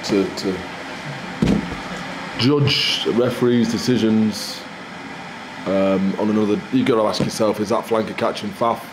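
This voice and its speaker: A man in his forties, a rugby head coach answering post-match questions at a press conference in a candid, measured, upbeat way. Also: on the low side, fairly even intonation, noisy background. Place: small indoor press room in front of a sponsor backdrop.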